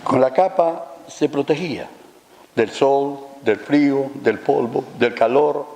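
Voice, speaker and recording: A man's voice: mid-range voice, takes it slowly, gravelly, a little mellow. Male pastor preaching in an echoing hall. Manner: storytelling, asks the congregation questions. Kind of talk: sermon. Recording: reverberant church hall.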